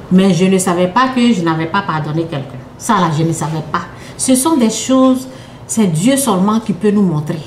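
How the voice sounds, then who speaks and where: A woman's voice: mid-range voice, slight background noise. Emphatic woman preaching in an echoey room. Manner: emphatic, repetitive, drops to hushed tones. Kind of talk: sermon with personal testimony. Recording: echoey room with faint ambience.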